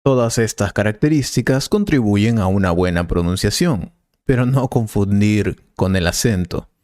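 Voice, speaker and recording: A man playing a patient Spanish teacher, explaining slowly and calmly in a scripted learner dialogue. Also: fairly low pitch, no echo, clean studio sound, natural voice. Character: patient male professor, helpful and calm.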